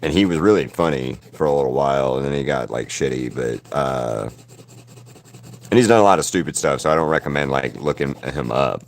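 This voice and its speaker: This artist paints on a live stream, speaking in a very deep, brisk voice with slight background noise. He's a thirtysomething Southerner from the US with a mild accent who chats and rambles freely, tossing in casual curses.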